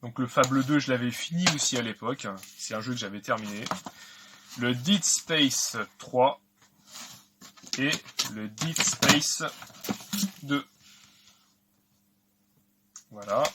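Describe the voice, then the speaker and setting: A man's voice: mid-range voice, slow, long pauses, very noisy. A man casually talking through an unboxing of video games, chatty and hesitant with many fillers. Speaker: video game collector vlogger.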